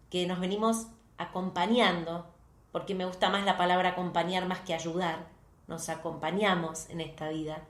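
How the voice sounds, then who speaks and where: Argentine woman, therapist guest, expressive talker on a video call, roomy echo. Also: mid-range voice. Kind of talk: conversational interview over video call.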